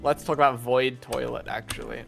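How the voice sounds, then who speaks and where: A man on a voice call, trading blunt, teasing banter with friends. His voice sits at a middle pitch. He sounds casual and argumentative. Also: fairly even intonation, normal speed, creaky, faint music behind. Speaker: stream co-host.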